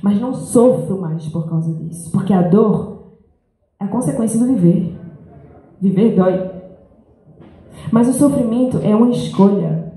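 Young woman reading her talk off paper, earnest, dark mellow voice, big booming school hall echo. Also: unhurried, pauses often. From Brazil and France. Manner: earnest, reflective, reads from paper. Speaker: speaker giving a school talk. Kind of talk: reading a personal talk aloud. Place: large school hall, indoors. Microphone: handheld mic. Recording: very echoey hall.

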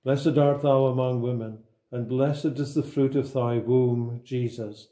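Slow, flat-voiced man reciting prayers. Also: mid-range voice, echoey room. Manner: slow, even, solemn recitation. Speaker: prayer leader.

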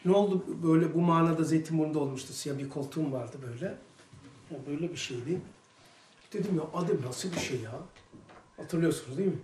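Animated man teaching in an echoey room. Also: on the high side, quick pace, a little hiss or hum. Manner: animated storytelling, emphatic outbursts. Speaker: religious study teacher. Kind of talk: religious lesson talk. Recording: echoey room, mic far off.

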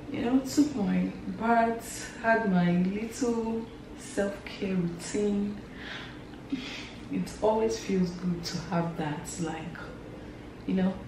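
A young Nigerian woman in her twenties chatting casually to camera at home as a vlogger, rambling with lots of fillers. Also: lowish voice. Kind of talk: casual vlog chat to camera. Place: bedroom and kitchen at home, indoors. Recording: echoey room with background noise.

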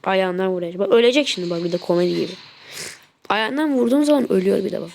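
A woman with a cold, her nose blocked and her voice gravelly and creaky, talks her way through a shooting game. She drops to low mutters, then bursts out in excited yelps at her targets. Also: racing, a little hiss or hum. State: congested with flu, blocked nose. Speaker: gaming channel host. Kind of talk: casual gameplay commentary.

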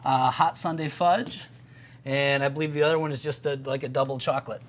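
A middle-aged man, the owner of a bakery, casually explaining his baked goods during a shop tour, with a relaxed manner and some fillers. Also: medium pitch, fairly quick.

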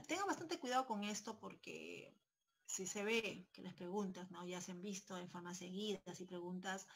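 A woman's voice: mid-range voice, vocal fry. A woman with a Peruvian Spanish accent teaching a civics class online from home, checking in with her students through constant tag questions. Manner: talks to students with many tag questions and fillers. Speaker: pre-university civics teacher. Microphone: headset.

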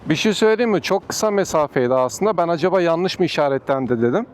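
A man's voice: fairly high pitch, expressive, fast talker. A man speaking from inside a helmet in a polite, chatty motovlog style as he works as a motorbike taxi rider. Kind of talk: casual motovlog chat. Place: outdoors on a motorbike in city traffic. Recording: loud engine, wind and street noise.

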